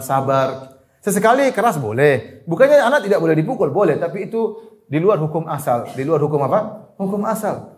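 A man giving an Islamic sermon, rising to emphatic points and then dropping to soft, low asides, sometimes chuckling at his own examples. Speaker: preacher.

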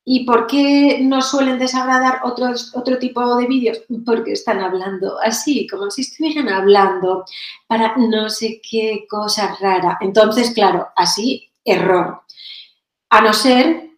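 A woman from giving energetic, direct on-camera advice as a presentation coach. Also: fairly high pitch, measured pace. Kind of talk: on-camera tutorial. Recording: roomy echoey room.

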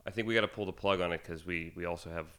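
A man's voice: low voice, fairly even intonation, racing, fairly bright tone, smooth. A man hosting a podcast in casual chat, rambling and repeating words as he gets going. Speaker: podcast host.

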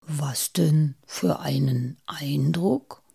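A woman doing a calm, low-voiced gnome man. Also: slightly rough, full character voice. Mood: measured. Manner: low, slow, quiet. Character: calm, thoughtful male gnome, dry and measured.

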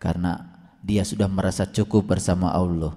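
A man preaching a sermon, swinging up to high emphatic peaks and chanting scripture verses slowly. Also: level tone, warm tone. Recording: long hall reverb.

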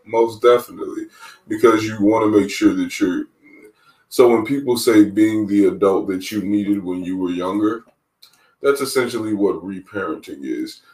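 Low-voiced man in his twenties, roomy sound. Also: darkish tone. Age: 20s. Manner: measured, repeats key phrases for emphasis. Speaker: guest, mental wellness coach. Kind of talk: reflective interview talk. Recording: roomy sound, distant from the mic.

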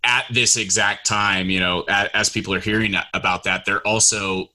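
A man's voice: on the low side, fairly even intonation, normal speed, pushed and bright. A man co-hosting a podcast, easygoing and laughing often in casual chat. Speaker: podcast co-host.

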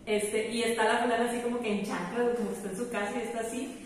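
A woman's voice: a little high, fast. A young woman with a Mexican accent, chatting casually in slangy speech and telling stories animatedly. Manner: slangy, animated storyteller, laughs often. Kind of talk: casual chat. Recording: roomy echo, far from mic, faint noise.

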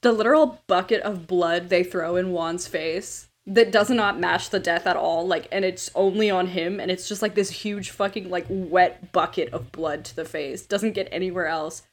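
Chatty woman with a slightly low voice. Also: steady tone, normal speed, few pauses. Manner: chatty, lots of "like" fillers. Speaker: podcast co-host. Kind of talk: casual film podcast chat.

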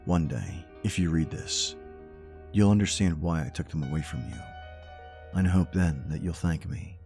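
A menacing yet protective monster , acted by a man, speaks in a low voice. The horror-story monologue is solemn and tenderly sinister, with music underneath. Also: moderate pace, vocal fry, darkish tone. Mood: tender menace. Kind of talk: scripted horror letter monologue.

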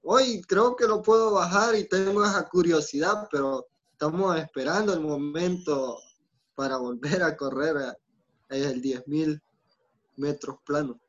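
A man, an athlete, answering interview questions in a calm, soft-spoken way. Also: on the high side, measured pace. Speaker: athlete guest. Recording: dull lo-fi sound.

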